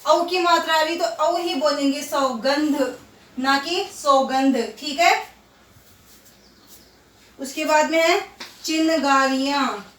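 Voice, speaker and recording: A woman schoolteacher walks young pupils through a lesson, patiently drilling words and answering her own questions. Her voice sits high. She sounds set back from the mic in a roomy, echoing space. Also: fairly even intonation, slow, pauses often, a bit bright, far from the mic. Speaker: primary school Hindi teacher. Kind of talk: recorded online class lesson.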